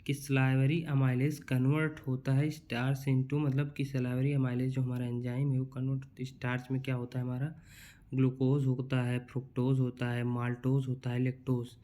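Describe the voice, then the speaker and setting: A young man runs through a quiz lesson for exam students. He reads each question out slowly and then talks through the answer in a relaxed, repetitive way, checking in with the listener again and again. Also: medium pitch. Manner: reads questions slowly, then explains casually with repeated fillers. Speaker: teacher. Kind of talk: exam-prep lecture.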